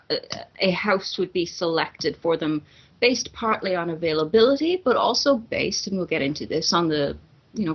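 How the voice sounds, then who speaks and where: Her fairly low, breathy voice carries an argumentative, step-by-step case in a casual barstool debate over drinks. The lo-fi recording sounds dull.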